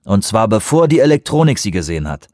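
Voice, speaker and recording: A laconic, dry-witted diver, as a male narrator plays him, only a little raised from the reader's own voice. He drops brief, wry remarks in a steady way. Dry, close audiobook sound. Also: fairly low pitch, fast talker, no echo.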